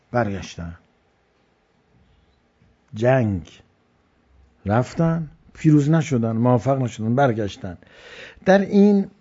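A man's voice: medium pitch, warm tone, slightly rough, highs cut off. A man preaching a religious lecture, telling stories and repeating phrases for stress. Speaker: cleric.

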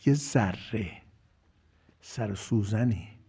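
Husky guy preaching, big swings loud to whisper. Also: fairly low pitch. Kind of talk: sermon.

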